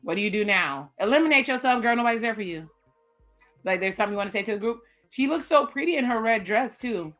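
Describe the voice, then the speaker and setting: Bright-voiced woman recapping a dating show. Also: on the high side, expressive, fast talker, soft background music. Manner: casual, recaps what cast members say, chatty asides. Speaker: reaction video host. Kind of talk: live reaction commentary.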